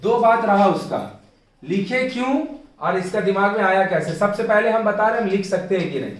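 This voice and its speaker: A man's voice: high voice, expressive, normal speed, recorded from a distance. A man teaching a math lesson in a classroom, coaxing students with repeated questions. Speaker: math tutor. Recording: echoey room, voice from off mic.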